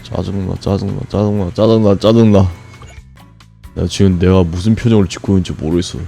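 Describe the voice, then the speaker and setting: A man streaming a game, grumbling and swearing at it, then breaking into sudden high shouts. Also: fairly even intonation, brisk, creaky, soft background music. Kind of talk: frustrated live gameplay commentary.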